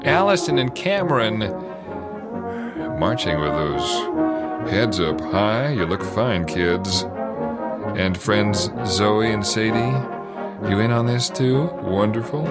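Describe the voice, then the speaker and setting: A man leads a children's march over loud brass band music. His pitch moves around a lot and he takes his time. He sounds playful and encouraging as he calls out names and marching commands. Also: lively intonation, takes it slowly, pauses often. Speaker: children's march leader and host.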